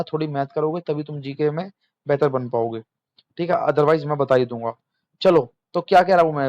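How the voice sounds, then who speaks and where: A man's voice: a little high, no room sound, dull audio. Chatty young male exam tutor. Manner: chatty, addresses students as friends, asks and answers himself. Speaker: exam coaching teacher. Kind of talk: casual lecture.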